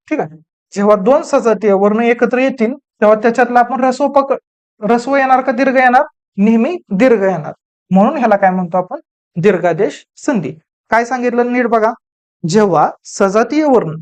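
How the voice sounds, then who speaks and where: A woman's voice: a little high, darkish tone. Woman teaching grammar, quizzing herself. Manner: asks the class questions and answers them herself, repeating key terms. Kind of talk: exam-prep grammar lecture.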